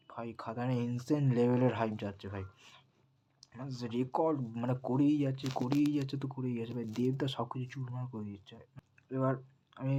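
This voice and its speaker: Soft-spoken young man vlogging. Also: medium pitch, a little hiss or hum. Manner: speaks softly on purpose, many fillers, mixes English into Bengali. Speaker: film box office vlogger. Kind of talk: casual chat. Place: home.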